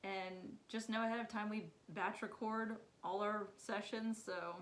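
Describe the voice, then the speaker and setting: A woman co-hosting a casual podcast chat, upbeat and quick to laugh. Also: mid-range voice, steady tone, rough recording. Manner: upbeat, laughs often, quotes others in bright voices. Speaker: podcast co-host.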